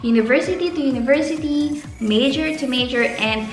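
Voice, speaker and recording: Her voice sits high and she talks briskly. She is a young Filipino graduate student from the Philippines, with a Filipino accent, earnestly and casually advising viewers in a vlog and elongating words for emphasis, recorded in an echoey room with faint music.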